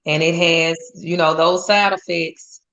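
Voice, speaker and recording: A woman in her forties giving a grateful, steady personal testimony as a guest. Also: fairly low pitch, unhurried. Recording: dull lo-fi audio.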